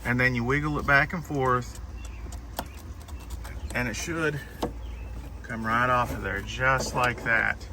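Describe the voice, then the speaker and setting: Man slowly walking you through a car fix, bright voice, faint noise around. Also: medium pitch, fairly even intonation. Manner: patient, instructive, guiding a helper. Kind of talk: step-by-step car repair walkthrough.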